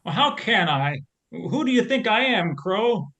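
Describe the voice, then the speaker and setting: Scarecrow: weary, gentle guardian, slow and measured, somewhat high, voiced by a man. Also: big pitch swings, exaggerated voice. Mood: defensive. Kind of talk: audio drama reading.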